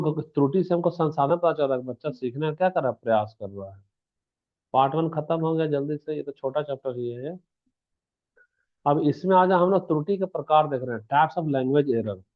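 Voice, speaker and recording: A man teaching an exam-prep lesson, who poses questions to the class and answers them himself. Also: fairly high pitch. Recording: tinny phone-like sound.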